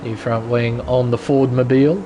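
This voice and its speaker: A man's voice: medium pitch, steady tone, normal speed, highs cut off. A man doing live motorsport commentary, calling the race action move by move. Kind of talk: live sim racing commentary. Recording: loud vehicle noise behind. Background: racing car engine noise.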